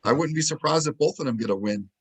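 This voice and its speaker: A man co-hosting a sports podcast, telling game stories in a lively, casual way and acting out what people said. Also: fairly high pitch, fast talker, slightly rough. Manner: animated storytelling, acts out quotes. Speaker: podcast co-host.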